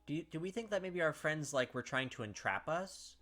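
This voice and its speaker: Brisk and sharp-toned, this man's slightly high voice has lively intonation as he hosts a let's play. He reads the story out loud and chats casually, his speech packed with fillers and frequent "like."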